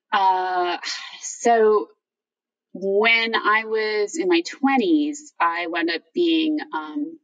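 A middle-aged woman talking candidly on a video call, telling personal anecdotes in a halting, informal way as she thinks aloud. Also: lowish voice, a bit bright, lo-fi sound. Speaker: guest author. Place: room by a bright window, indoors. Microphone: video call, distant computer microphone. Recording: distant video-call microphone.

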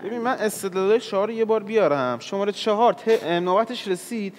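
High-pitched man reasoning step by step. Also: a little mellow, a little hiss or hum. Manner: analytical, laying out logic. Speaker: game show contestant. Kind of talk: reasoned argument in a party game. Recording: reverberant studio.

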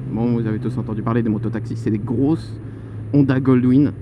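Young man, joking motorbike vlog, muffled lo-fi mic, loud traffic behind. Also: mid-range voice, fairly even intonation, a little fast. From Paris suburbs. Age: 20s. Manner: chatty, joking, exclaims "oh là là". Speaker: motovlogger. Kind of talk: casual vlog while riding a motorcycle. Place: motorcycle on city roads. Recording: lo-fi helmet mic with traffic noise. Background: traffic and horns.

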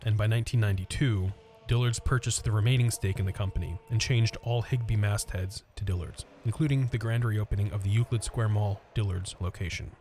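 A man narrating the history of an abandoned mall as a scripted voice-over, measured and informative. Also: lowish voice, dark tone, faint music behind. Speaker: urban exploration vlogger narrating history.

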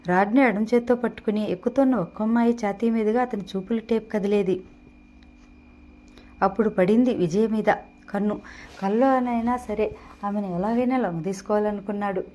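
A woman's voice: fairly high pitch, warm tone. A woman narrating a serialized audio novel, reading the dialogue lightly within the story.

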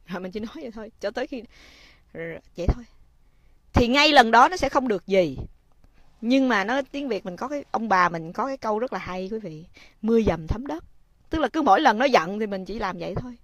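Woman host, casual livestream talk, expressive, turns to viewers, dry close sound. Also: on the high side, a little fast, no echo. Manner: expressive, addresses viewers often, gentle when advising.

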